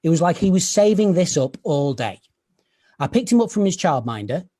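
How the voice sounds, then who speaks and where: Male comic, 30s, slightly high husky voice, lively dry delivery, recorded through a video call. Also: moderate pace. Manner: dry, self-deprecating storytelling with quiet asides. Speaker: stand-up comedian. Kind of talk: stand-up set over video call.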